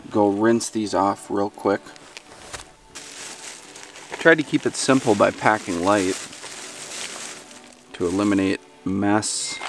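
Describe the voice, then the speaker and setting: A young man with a low, gravelly voice chats his way through an outdoor fish recipe by a forest lake. He thinks out loud, hedging with fillers and poking fun at himself. The sound comes from a camera set a little back from him, with faint music underneath. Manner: relaxed, self-deprecating, thinking aloud with fillers. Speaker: fishing vlogger. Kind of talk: casual outdoor cooking vlog. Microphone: camera mic, handheld and ground-mounted. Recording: outdoor camera audio from a distance.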